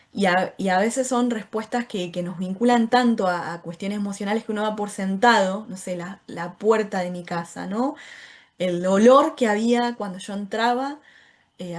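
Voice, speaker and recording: An Argentine woman gives an online class lecture, talking in an explanatory way and checking in often with her listeners. Her voice sits at an ordinary middle pitch for a woman, and she sounds like she is speaking into a computer mic on a video call. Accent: Argentine Spanish. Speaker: course teacher.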